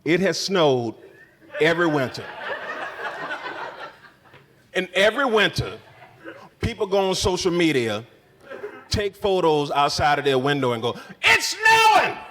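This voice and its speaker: A man doing a profane, ranting stand-up set in a comedy club, mocking people in shouted put-on voices. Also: a little high, lively intonation, moderate pace, big-room sound, background noise. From Spokane area resident since 2001.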